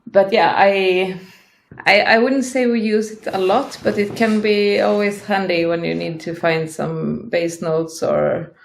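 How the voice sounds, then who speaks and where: A woman, a band member, speaking deliberately in an interview, often restarting her sentences. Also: medium pitch, fairly even intonation, vocal fry, reverberant. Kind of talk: casual interview.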